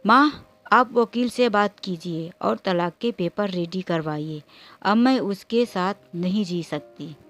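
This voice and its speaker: A woman's voice: medium pitch, a little slow, lightly acted. A woman voicing a stubborn, angry young married woman who speaks indignantly. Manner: indignant, sharp.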